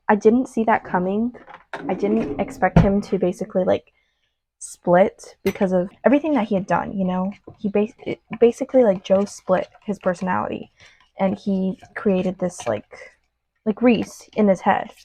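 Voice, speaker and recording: Here a young woman with a medium-pitched, somewhat mellow voice talks casually as she bakes at home. The vlogger rambles with many fillers and restarted sentences, recorded on a small clip-on microphone.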